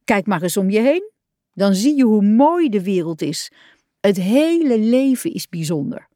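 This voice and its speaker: Woman playing a wise rat, gentle, reassuring, lively pitch, dry sound. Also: unhurried, dry recording. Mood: calm, kind.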